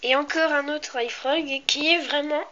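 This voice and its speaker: A woman's voice: high voice, steady tone, unhurried, bright, forceful tone. Young woman, voice cracking, slightly sick, hesitant rambling show-and-tell, lo-fi muffled sound, noisy background. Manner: hesitant, rambling, self-interrupting. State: slightly sick, clearing throat and coughing. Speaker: amateur video maker presenting handmade doll furniture. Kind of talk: casual show-and-tell chat. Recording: dull lo-fi home recording, clear noise.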